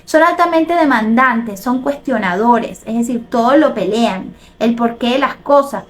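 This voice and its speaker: The host, a middle-aged Venezuelan woman, speaks with a Venezuelan accent in a slightly high voice at a measured pace. On her live show she reads viewer comments out loud and reacts with animation.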